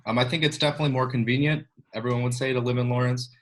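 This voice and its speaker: A young man in his twenties from Illinois, a law student giving relaxed, conversational interview answers. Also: medium pitch, very fast, poor audio. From Illinois, USA.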